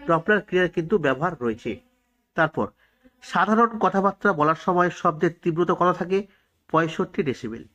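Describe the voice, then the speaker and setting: A man with a Bengali accent runs through exam quiz answers in a rather high voice, repeating each key fact so it sticks. The recording sounds dull and lo-fi. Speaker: quiz teacher. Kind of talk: exam-prep science lesson.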